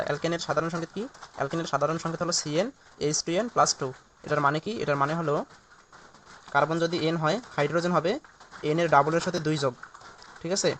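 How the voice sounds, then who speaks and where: A man's voice: fairly high pitch, a bit bright, a little hiss or hum. A man teaching a recorded chemistry lesson, walking through each step and asking and answering his own questions.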